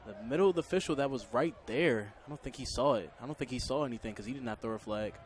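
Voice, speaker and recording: A man's voice: medium pitch, fast talker. An American man giving conversational colour commentary on football, often repeating his phrases.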